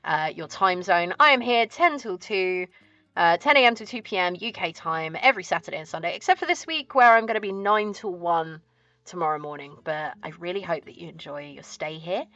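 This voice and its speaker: A woman's voice: fairly low pitch, animated, brisk, a bit bright, no echo, lo-fi sound. A woman with a southern English accent chatting casually as a livestream host, chirpy and friendly in a cute streamer manner.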